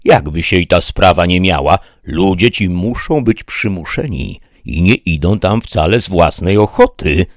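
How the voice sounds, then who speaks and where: A man's voice: deep voice, expressive, measured pace, hardly any pauses, no room sound, clean studio sound. A man voicing an idealistic, courteous middle-aged knight in a formal, declamatory way. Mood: lofty.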